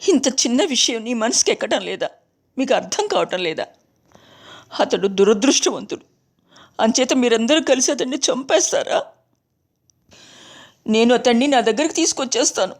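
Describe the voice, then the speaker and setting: A woman's voice: fairly high pitch, animated, moderate pace, pauses often, voice pushed up. A woman voicing a distraught young wife who pleads tearfully and then turns defiant, in a storybook reading.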